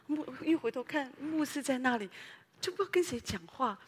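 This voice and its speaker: A woman pastor, preaching a sermon in a lively storytelling way that speaks directly to the congregation. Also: high voice, a little fast, breathy edge, in a large hall. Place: church.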